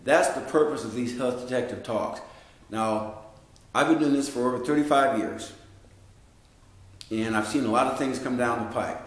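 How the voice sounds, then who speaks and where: A man's voice: medium pitch, moderate pace, pauses often. A middle-aged man giving a folksy, direct educational talk as a health coach, calling his listeners "guys". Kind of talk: educational monologue. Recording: very echoey room.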